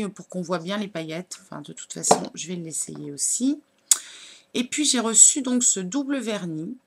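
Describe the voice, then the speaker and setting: A woman, chatting casually as a beauty blogger while unboxing nail products, with lots of hesitant fillers. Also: medium pitch. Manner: chatty, many fillers, shows products to camera.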